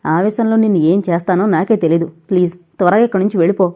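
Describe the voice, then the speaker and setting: A woman's voice: medium pitch, fast talker, warm tone, lightly acted. A woman voicing an anguished, heartbroken man who drinks, in an audio novel, speaking in a pained, brusque way. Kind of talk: audiobook character reading.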